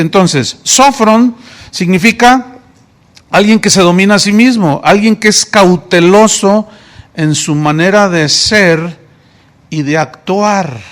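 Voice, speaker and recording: A male pastor with a Mexican Spanish accent preaching a sermon, often asking the congregation questions. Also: high-pitched.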